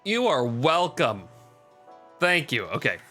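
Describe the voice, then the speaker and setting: Slow-talking, bright-voiced male streamer. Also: mid-range voice, big pitch swings, faint music behind. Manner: joking, reacts to the game aloud. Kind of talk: casual gameplay commentary.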